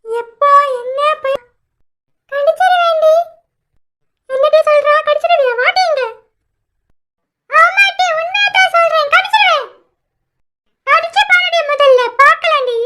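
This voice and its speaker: A woman's voice: extremely high pitch, measured pace, pauses often. A woman voicing bickering, easily frightened young village women in a cartoon, with a Kanyakumari Tamil accent. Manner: squabbling, shrieking.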